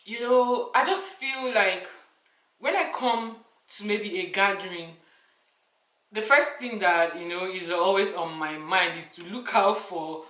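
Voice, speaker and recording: A woman with a Nigerian accent talks casually to her audience in a bright, punchy voice. She answers questions in an animated storytelling way, repeating words for emphasis. The room adds a noticeable echo. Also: mid-range voice, unhurried, distant mic. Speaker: vlogger.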